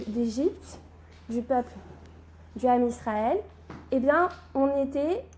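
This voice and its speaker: In a recorded Torah class, a woman with a cold poses questions to her students, answers them herself, and keeps checking in with "d'accord?" Her voice is high with a darkish tone, and there's a little hiss or hum.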